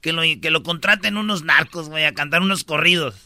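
A Mexican male radio host runs through comedic news items in an animated, joking way. His voice is high and very bright, with a gravelly fry at the edges. The studio sound is dry and close. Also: a little fast, no room sound. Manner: animated and jokey, calling out "señores".

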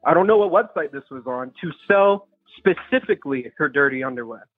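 A man's voice: a little high, animated, a little fast, no room sound, soft background music. Hesitant young man on a tinny phone line. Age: young adult. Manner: hesitant, stammering. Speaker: caller. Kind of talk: phone-in confession.

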